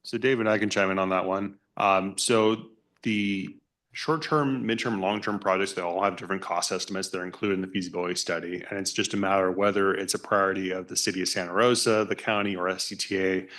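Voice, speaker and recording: A man's voice: low-pitched, fairly even intonation, brisk, a bit bright. A man giving explanatory answers at a public meeting as a transportation project staff member.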